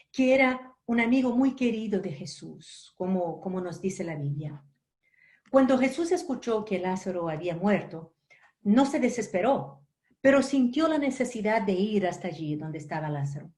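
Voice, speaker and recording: Sharing a personal story during a spiritual lecture, this woman from Brazil has a mid-range, animated voice. Her delivery stays gentle and unhurried, with soft asides along the way.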